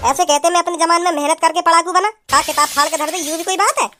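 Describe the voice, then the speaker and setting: A woman voicing a scolding mother in an animated comedy cartoon. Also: very high-pitched, fast. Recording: light background music.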